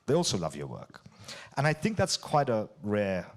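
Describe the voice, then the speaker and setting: A man hosting an interview, putting prepared questions in articulate, deliberate phrases. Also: on the low side, huge pitch swings. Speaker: interviewer hosting an on-stage conversation.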